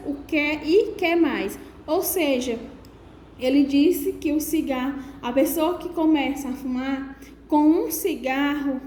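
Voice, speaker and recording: A Brazilian Portuguese-speaking woman teaching a lesson, explaining slowly with many fillers and restarts. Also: sits high, a little mellow. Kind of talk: lesson on a reading exercise. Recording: echoey room with faint ambient noise.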